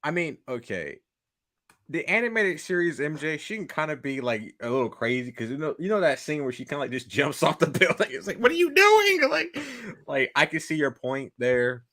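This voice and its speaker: Lively bright-voiced young man chatting. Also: on the high side, a little fast. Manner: animated, laughs often, many "like" fillers. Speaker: podcast co-host. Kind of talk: casual chat.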